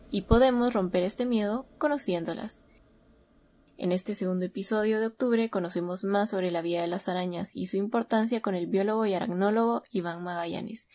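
A woman from Guatemala, co-host of a science podcast, reading a scripted introduction in a clear, measured way. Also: medium pitch, a little mellow, slight background noise. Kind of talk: scripted narration.

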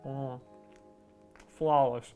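A man's voice: mid-range voice, fairly even intonation, drawn-out words, dark tone, clean tone, faint music behind. A man hosting a comedic cooking demo in his home kitchen, joking and mocking himself as he cooks. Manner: playful, jokey, self-mocking. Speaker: cooking video host.

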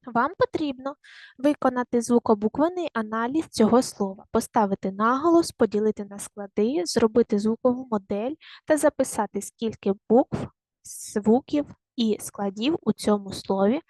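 A woman teaching a primary school language lesson online, speaking slowly and carefully and repeating words to show their stress. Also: on the high side, darkish tone, no room sound.

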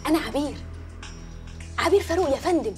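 An actress playing an eager young would-be reporter who rattles on politely and chattily down the phone. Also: female voice, high voice, expressive, fast, over music. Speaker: caller.

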